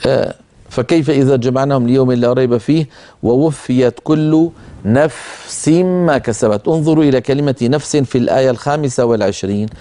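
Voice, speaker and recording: Mellow-voiced male recitation teacher. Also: medium pitch. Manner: calm, explanatory, slows down to demonstrate pronunciation. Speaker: Quran recitation teacher and program host. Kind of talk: televised recitation lesson.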